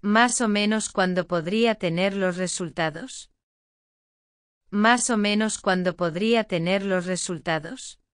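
This language lesson reader slowly repeats each short phrase twice with careful enunciation. She has a smooth, crisp, mid-range voice, and the close-miked recording is dry with no room sound.

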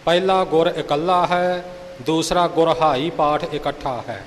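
A man's voice: on the high side, fairly even intonation, unhurried. A male teacher giving a pronunciation lesson, correcting and sounding out words for the reciter. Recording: hall reverb with faint hiss.

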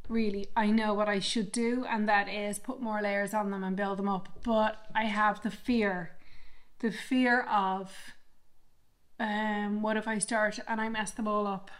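A woman's voice: mid-range voice, steady tone, normal speed. A woman in her fifties, an artist chatting candidly and reflectively in a casual vlog from her home studio. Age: 50s. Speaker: artist vlogger. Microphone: microphone she moves away from and back to.

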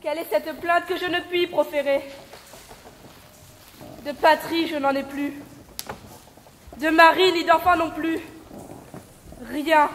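A young woman acts a proud, grief-stricken queen in a stage tragedy. She laments slowly in a high, declamatory voice. The theater adds reverb and faint noise. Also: fairly bright tone. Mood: anguished lament. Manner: mournful, declamatory.

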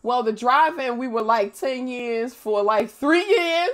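Animated, foul-mouthed woman streamer. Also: a little high, a little slow. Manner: animated, profane storytelling. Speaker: gaming livestreamer. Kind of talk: casual live-stream chat.

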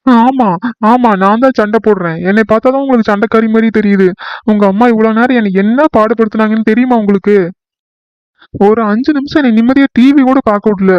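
A man voicing a fiery young village wife in a cartoon, who talks in a shrill, accusing, indignant way. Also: steady tone, fast, clear, resonant tone, dry recording, muffled recording, close to an everyday voice.

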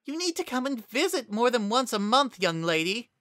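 A narrator voicing a gentle, doting motherly female pony, lifted high above their usual voice. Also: big pitch swings, normal speed, no echo, studio quality. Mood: fond.

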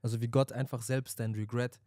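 A young man co-hosting a podcast in casual chat, relaxed and giving short affirming replies. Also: medium pitch, fairly quick, dry recording, studio quality. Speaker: podcast co-host.

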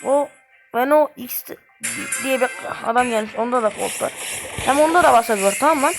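A woman hosting a gaming channel, giving excitable, slangy live commentary and trash-talking the game as she plays. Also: sits high, brisk. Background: game music.

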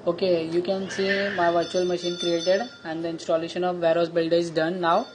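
A man giving a plain step-by-step software tutorial over a screen recording, with frequent fillers and restarts. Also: high-pitched, level tone, a little fast, background noise. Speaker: tutorial host.

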